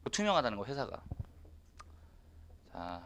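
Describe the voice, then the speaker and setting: A man giving a lively, joking business seminar talk to a live audience in a presentation room. He acts out quoted dialogue with loud bursts. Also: medium pitch, a little slow, slight background noise.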